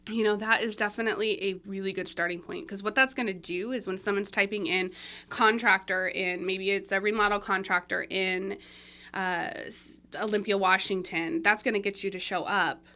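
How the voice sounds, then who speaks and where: A woman's voice: medium pitch, steady tone, moderate pace, sharp tone. A woman guest on a podcast talking casually about marketing, chatty with many fillers and frequent laughs. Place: room, eating during recording. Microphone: podcast mic.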